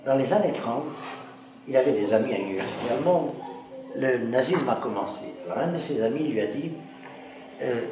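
A man's voice: mid-range voice, lively intonation, fairly quick. A man giving an emphatic lecture to an audience, often stopping to check they follow. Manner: emphatic, keeps checking with rhetorical questions. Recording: echoey room with background noise.

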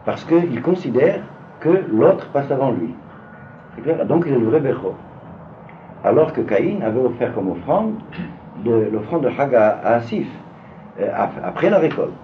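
A man's voice: mid-range voice, very animated, normal speed. A man teaching a Talmud seminar to a class, hesitant, with many fillers and repeated words. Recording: phone-like lo-fi recording with faint noise.

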